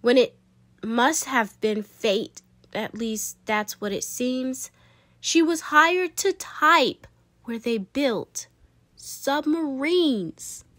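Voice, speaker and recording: Hosting a read-aloud for young children, a woman with a high voice narrates rhyming storybook lines expressively, deliberately and with emphasis. There is no echo.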